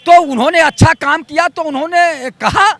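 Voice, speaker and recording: A man's voice: very high voice, normal speed, bright, forceful tone, no echo. A man on a debate panel explaining and defending a statement.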